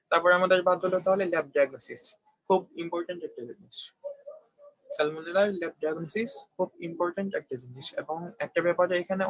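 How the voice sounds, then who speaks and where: Fast, high-voiced young man lecturing. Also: a bit bright, no echo. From Bangladesh. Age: young adult. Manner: explanatory, frequent check-ins asking if students follow. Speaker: medical student tutor. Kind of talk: online review lecture. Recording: dull, slightly lo-fi dry recording.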